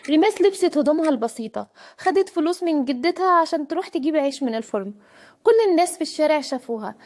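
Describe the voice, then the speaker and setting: A woman's voice: sits high, a little mellow. A woman with an Egyptian Arabic accent giving grave, dramatic scripted true-crime narration.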